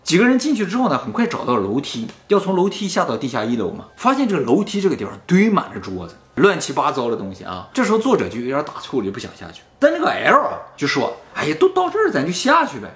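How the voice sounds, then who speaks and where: A man's voice: on the high side, echoey room. A man hosting a casual chat, telling a spooky story and acting out the quoted lines. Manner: animated, acts out quoted lines. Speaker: storyteller host.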